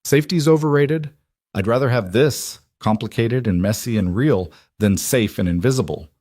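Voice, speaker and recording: A man voicing a warm-hearted young ranch cook woman, speaking earnestly and firmly. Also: mid-range voice, normal speed, dry recording, clean studio sound, close to an everyday voice.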